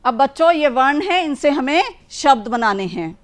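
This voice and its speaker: A woman's voice: high-pitched, lively intonation, moderate pace. A woman teaching a children's language lesson, patiently drawing out each sound and word for young pupils. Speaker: primary school teacher.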